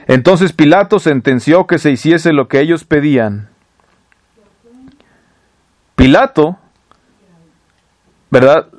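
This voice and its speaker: A man's voice: on the high side, no echo. A man preaching a sermon, reading scripture aloud and explaining it with rhetorical questions. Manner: reads verses then explains with rhetorical questions.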